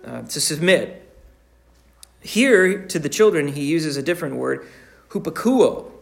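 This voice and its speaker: A man preaching a sermon slowly and deliberately, often restarting his phrases. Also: on the high side, animated, creaky. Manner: slow, deliberate, with frequent restarts.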